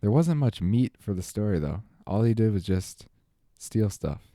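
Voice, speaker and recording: A man's voice: lowish voice, very animated, normal speed, warm tone, dry recording, clean studio sound. A man co-hosting a casual movie review chat, opinionated and sarcastic. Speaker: podcast co-host.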